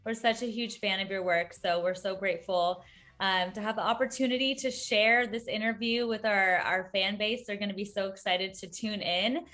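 A woman's voice: medium pitch, steady tone, normal speed, fairly bright tone. A woman interviewing a guest and reading out viewer questions, upbeat and affirming.

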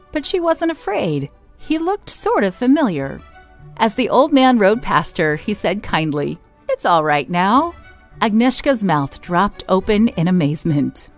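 A woman reading a children's story aloud at church, expressive and swooping up and down for emphasis. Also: mid-range voice.

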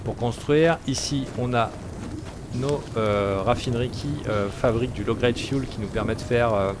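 A man's voice: medium pitch, moderate pace, background noise. A man giving casual gameplay commentary as a gaming YouTuber, talking in a chatty, hesitant way full of fillers.

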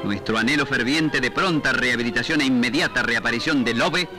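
A man with an Argentine Spanish accent reads in the measured, declamatory style of an old newsreel. His voice sits at an ordinary male pitch. Music plays clearly beneath the narration. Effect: old newsreel soundtrack. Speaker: newsreel announcer.

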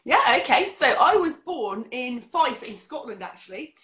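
A woman's voice: sits high, big pitch swings, moderate pace, a bit bright. A middle-aged woman from England, candidly telling her life story as an interview guest, with many fillers. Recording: roomy echo.

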